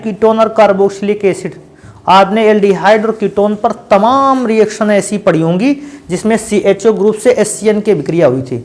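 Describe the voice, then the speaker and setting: A somewhat mellow, high-pitched man teaches a chemistry class, calling the students beta and bhaiya. Again and again he asks a question, only to supply the answer on his own.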